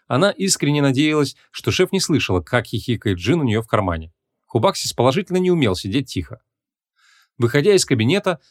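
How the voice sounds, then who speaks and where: Male audiobook reader, humorous fantasy, animated intonation, middle pitch. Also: no room sound, clean studio sound. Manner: lively, expressive. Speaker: audiobook narrator.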